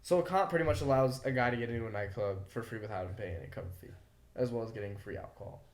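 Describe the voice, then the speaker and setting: A man's voice: mid-range voice, very fast. A young man co-hosting a podcast, telling a story in a casual, heated way, swearing freely and filling his speech with "like". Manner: swears freely, loose and heated, heavy on "like" fillers. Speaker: podcast co-host. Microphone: podcast mic. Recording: roomy echo.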